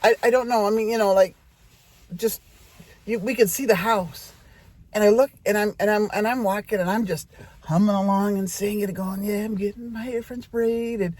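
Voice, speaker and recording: A woman's voice: medium pitch, fairly even intonation, normal speed, darkish tone. A middle-aged woman telling a rambling personal story in a chatty way, talking straight to her audience.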